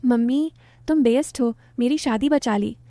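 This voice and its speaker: A woman voicing an emotional young married daughter who speaks in a bright, excited way. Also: on the high side, a little slow, no room sound, clean studio sound.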